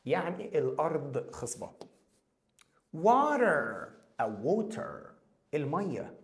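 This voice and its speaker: Leading a children's English review, a man with an Egyptian Arabic accent and a fairly high, somewhat dark voice repeats every English word slowly before translating it.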